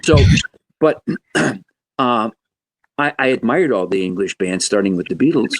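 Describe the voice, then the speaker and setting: A man in his seventies, a guest musician telling stories in a podcast interview in an animated, joking way. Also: measured pace. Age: 70s. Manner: animated, joking, wide swings in pitch.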